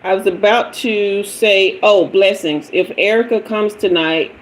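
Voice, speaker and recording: With a mid-range voice and measured pace, a tarot reader in her fifties hosts a relaxed livestream. She playfully chats with viewers, says hello, asks them for emojis, and moves off and back toward the mic, on poor audio with slight hiss or hum.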